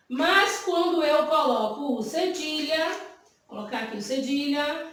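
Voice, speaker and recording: High-voiced woman teacher in an echoey room. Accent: Brazilian Portuguese. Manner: patient, checks in with "tá?" and "né?". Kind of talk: remote classroom lesson, explaining exercises.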